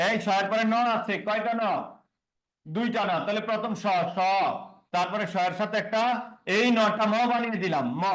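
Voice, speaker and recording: A man's voice: sits high, fairly bright tone, poor audio. A man teaching a classroom grammar lesson, quizzing students and repeating key words. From Bangladesh.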